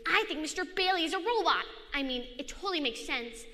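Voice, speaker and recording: A woman's voice: high-pitched, lively intonation, brisk, pushed and bright, voice pushed up. A woman voicing an anxious fourth-grade boy who rambles with jumpy emphasis. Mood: fretful. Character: anxious boy, fourth grader, allergy-prone best friend. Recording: echoey hall.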